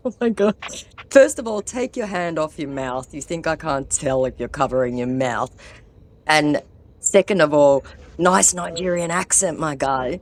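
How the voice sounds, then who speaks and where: Deep-voiced and unhurried, a woman vlogger who baits scammers confronts one on the phone with sarcastic mockery, then talks to her viewers. Her intonation is lively, and she has an ear infection.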